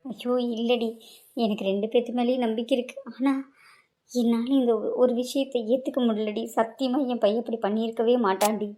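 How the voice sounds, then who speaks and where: A woman's voice: on the high side, steady tone, a little fast, warm tone, natural voice. A woman voicing a middle-aged aunt in a cartoon drama who refuses to believe her son did wrong. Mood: anguished. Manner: anguished, disbelieving, imploring.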